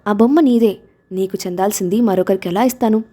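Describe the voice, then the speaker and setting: Woman voicing a stern protective father, fierce, warning tone, mellow voice, storybook. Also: medium pitch, a little fast, lightly acted.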